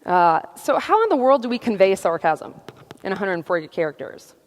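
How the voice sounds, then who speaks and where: A woman giving a prepared talk at a conference, speaking in a measured way with frequent "uh" fillers. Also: medium pitch, big pitch swings. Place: conference hall. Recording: long hall reverb.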